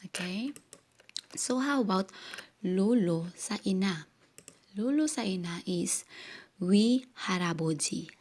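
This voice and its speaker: A woman's voice: mid-range voice, expressive, slow, long pauses, a little mellow. A woman whose first language is Korean teaches Korean words in a casual lesson. She mixes Tagalog and English, spells words out syllable by syllable and checks in with "okay?" again and again.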